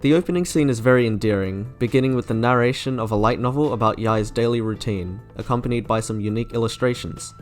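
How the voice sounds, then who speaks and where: Hosting a video that reviews game character trailers, this man reads scripted commentary quickly, with few pauses. His pitch is medium, and music runs under the recording.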